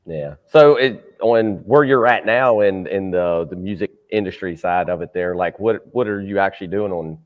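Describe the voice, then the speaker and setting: A man's voice: sits low, normal speed, hardly any pauses, big-room sound. A male host asking loose, rambling questions and giving short encouraging replies. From United States. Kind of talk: casual interview questions. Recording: tinny phone-like remote line.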